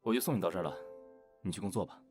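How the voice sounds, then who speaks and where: A man's voice: low-pitched, very fast, a little mellow, faint music behind, lightly acted. An actor playing a jealous, possessive young male tycoon who talks with intensity and turns to pleading in a TV drama. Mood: tender. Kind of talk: TV drama acting.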